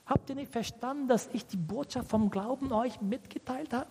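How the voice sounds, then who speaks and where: A man's voice: sits high, big pitch swings, measured pace, darkish tone, slightly rough, heavily acted. A man putting on an exasperated apostle. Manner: exasperated rhetorical questions. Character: frustrated, disappointed male apostle scolding his flock. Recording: reverberant hall.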